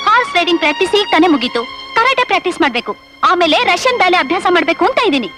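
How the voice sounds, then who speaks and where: A woman's voice: very high voice, very animated, fast. A proud, stubborn rich girl. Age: young adult. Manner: defiant, bossy. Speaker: headstrong daughter. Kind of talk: film dialogue. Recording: film audio with music behind.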